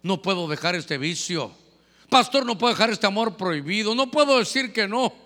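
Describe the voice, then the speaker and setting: A pleading churchgoer man confesses to his pastor that he cannot quit, acted out by a preacher. His voice runs high and bright. It rings out in an echoey church hall. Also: animated, moderate pace.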